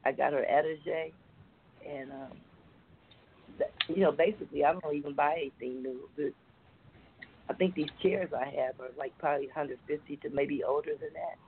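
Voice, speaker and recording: A woman's voice: deep voice, moderate pace, pauses often, a little hiss or hum. A woman calling in to a radio show over a phone line, rambling and hesitant with many fillers. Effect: caller heard over a phone line.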